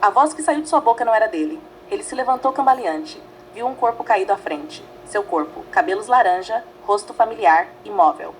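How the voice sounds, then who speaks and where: A woman narrating a fanfiction story in a dramatic, measured way, reading in short phrases. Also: medium pitch, lively intonation, slight background noise, low-quality recording.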